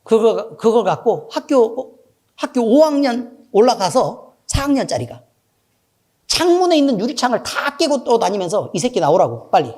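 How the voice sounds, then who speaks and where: This sermon comes from a middle-aged man serving as pastor, who narrates a story with side remarks to the congregation. His sing-song delivery, at a moderate pace, alternates between emphatic loudness and low, quiet moments.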